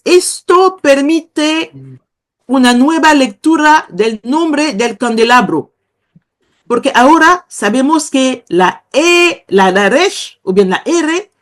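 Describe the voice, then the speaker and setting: High pitched lady teacher, explains slow and careful, lots of ums while she thinks. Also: expressive. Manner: slow, hesitant, searching for words. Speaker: guest professor. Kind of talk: explaining a language lesson.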